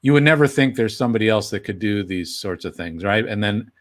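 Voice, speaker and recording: Man co-hosting with quick interjections. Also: fairly low pitch, lively intonation. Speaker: co-host. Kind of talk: casual interview chat.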